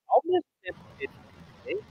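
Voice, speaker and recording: A man's voice: a little fast, lo-fi sound, slight background noise. Man on a glitchy, breaking-up video call. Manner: animated, explanatory talk with frequent restarts. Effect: glitchy, breaking-up call audio. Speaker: interview guest. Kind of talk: casual interview over a video call.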